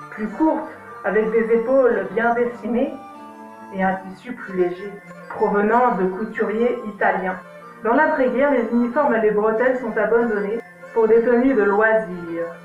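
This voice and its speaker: A woman gives a chatty voice-over and corrects her slips as she talks. Her voice sits at a middle pitch and sounds set back from the mic. The room is echoey, with faint music underneath. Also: far from the mic. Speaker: fashion history vlogger. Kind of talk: voice-over narration.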